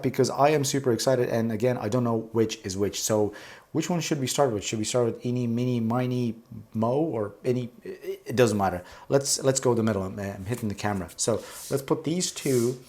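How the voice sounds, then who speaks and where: Casual vlog host, male, excitable and chatty, mid-range voice. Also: medium pitch, a little fast. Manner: enthusiastic, rambling, gushes over details. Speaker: watch reviewer, channel host.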